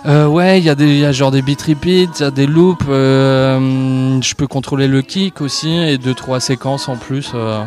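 A man's voice: mid-range voice, fairly even intonation, normal speed, few pauses, a little mellow, soft background music. A young man from southern France, a guest musician, answering live radio questions at an outdoor festival, hesitant with many fillers and easy laughs.

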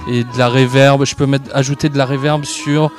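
A man's voice: mid-range voice, level tone, a little fast, over music. Hesitant young man in a radio interview. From southern France. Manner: hesitant, many fillers, easygoing laughs. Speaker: guest musician. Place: outdoor festival park.

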